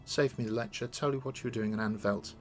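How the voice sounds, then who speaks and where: A man's voice: lowish voice, fairly even intonation, a little fast, slight background noise. A man hosting gameplay, reading video game dialogue aloud. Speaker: gameplay host.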